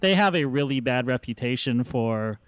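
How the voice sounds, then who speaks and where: Male podcast host, relaxed anecdotal storyteller, dry room, mid pitch. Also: moderate pace, clean tone, dry recording. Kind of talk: casual chat, storytelling.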